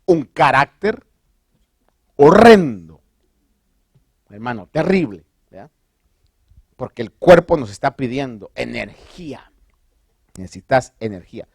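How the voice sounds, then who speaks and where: A man preaching a sermon as pastor, conversational and animated, asking the congregation rhetorical questions and dropping in English phrases. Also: medium pitch, unhurried, creaky, pauses often, slightly rough, no echo, clean studio sound.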